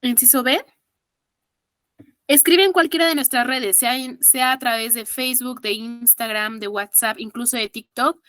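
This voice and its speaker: A woman's voice: a little high, fairly even intonation, moderate pace, a bit bright, dry recording, clean studio sound. A woman with a Mexican accent teaching an online exam-prep class, counting syllables aloud and praising her students patiently.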